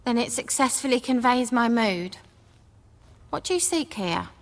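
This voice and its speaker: A woman's voice: on the high side, lively intonation, a little slow, in a large hall. A woman playing a moody townswoman in a fantasy video game. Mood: melancholy.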